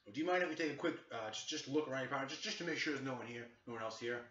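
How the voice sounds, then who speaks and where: Falsely courteous male cop, formal and raised, as a man puts him on, bright, echoey room. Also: medium pitch, racing, a little hiss or hum, natural voice. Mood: polite. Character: overly polite male undercover cop. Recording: echoey, distant, dull-sounding room mic.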